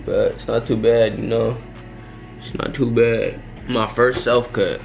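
A young man chatting casually on camera in a vlog, laid-back and full of slang like "yo", with a gravelly voice. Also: mid-range voice, flat delivery, a little slow, highs cut off. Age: young adult. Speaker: friend in vlog. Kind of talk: casual chat. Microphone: handheld camera.

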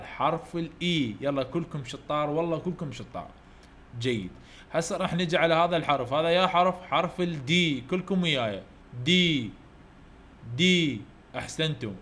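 An Iraqi-accented man leads a children's English lesson, drilling each letter in call-and-response. His voice sits a little high, and he keeps urging the class to speak up and praising them. Faint background noise runs under the recording. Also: fairly bright tone. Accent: Iraqi Arabic.

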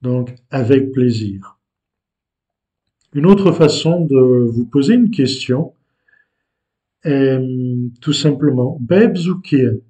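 A male language teacher explains words at an unhurried, deliberate pace. His voice is mellow and dark, and he pauses and hesitates between phrases. He keeps a patient, explanatory manner throughout. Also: medium pitch, lively intonation. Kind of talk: explaining vocabulary to learners.

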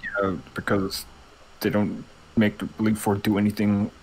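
A man's voice: fairly low pitch, completely flat delivery, moderate pace, a little mellow, a little hiss or hum, low-quality recording. A young man co-hosting a gaming video with casual chat over the gameplay.

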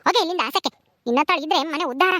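A woman voicing a harsh village mother-in-law in a family skit, scornful and nagging, tacking a sharp "haa?" onto her scolding. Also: extremely high pitch, very fast, dry recording, clean studio sound.

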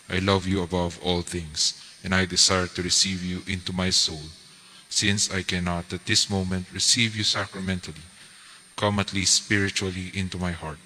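A man reading prayers and parish announcements at Mass in a measured, steady voice, recorded at a lectern microphone in a large church. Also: low voice. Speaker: lector and commentator at Mass. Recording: church hall reverb.

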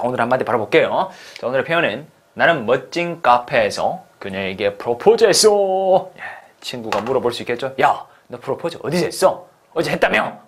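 Lively man teaching English. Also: mid-range voice, a little hiss or hum. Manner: lively, drills phrases slowly for repetition. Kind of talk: online English lesson.

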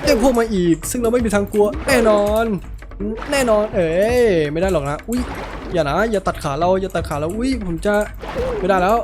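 A man's voice: high voice, animated, fairly quick, background noise. A man giving playful, jokey let's-play commentary from home, yelping and taunting enemies. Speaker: gameplay commentator. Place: home room.

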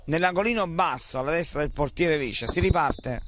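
A man giving live amateur football commentary in short play-by-play phrases that lift at the action. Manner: measured play-by-play in short phrases, rising excitedly at shots and goals. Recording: outdoor pitchside with clear background noise.

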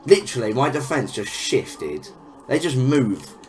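A young man gaming YouTuber gives casual, frustrated commentary on his gameplay, swearing and exclaiming over each goal. His medium-pitched voice is sing-song and a little slow.

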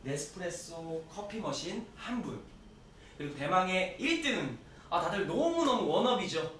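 A man hosting a live prize draw as a booming, projected announcer, formal, polite and emphatic. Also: sing-song, measured pace, fairly bright tone. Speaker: host of a prize draw live stream, actor. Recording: echoey room, distant mic, faint noise.

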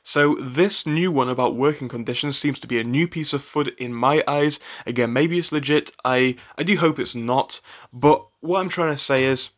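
A man's voice: medium pitch, normal speed. A man hosting a stock commentary channel, talking in a chatty, opinionated way with frequent fillers and restarts. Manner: chatty, animated, with frequent fillers and self-corrections.

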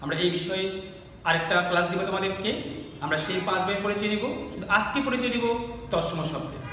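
A man's voice: sits high, fast, pushed and bright. A man with a Bangladeshi Bengali accent teaching a grammar lesson, who explains step by step and asks and answers his own questions. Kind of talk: board lesson for students. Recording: echoey room from far off, faint hiss.

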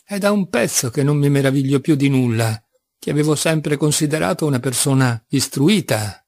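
A man's voice: fairly high pitch, expressive, moderate pace, darkish tone, no room sound. A man reading as a sarcastic young seminarian. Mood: mocking. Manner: teasing, sarcastic, by turns astonished. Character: mocking young male seminarian, ironic and pushy. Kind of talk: audiobook reading of a classic novel.

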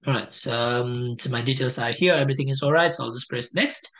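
A man's voice: mid-range voice, a little fast, a bit bright. A young man from Nepal giving a casual step-by-step screen-share tutorial on a headset mic at home, with many fillers and restarts. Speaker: test prep tutor. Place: indoor home room.

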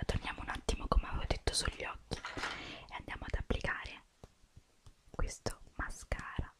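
A young woman speaks almost entirely in a hushed, breathy whisper. She takes her time over every word, with long unhurried pauses. Her tone stays gentle and soothing as she walks the listener through each step. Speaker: makeup artist in a roleplay. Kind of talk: whispered ASMR roleplay.

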